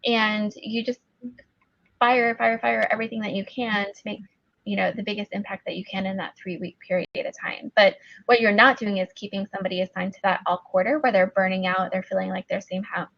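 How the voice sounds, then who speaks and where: A woman's voice: medium pitch, fairly even intonation, brisk, creaky, no room sound, lo-fi sound. A woman speaking as a guest in a webinar conversation, telling stories chattily and often saying "like", over a video call. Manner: chatty storytelling with frequent "like" fillers. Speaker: guest speaker on sourcing teams.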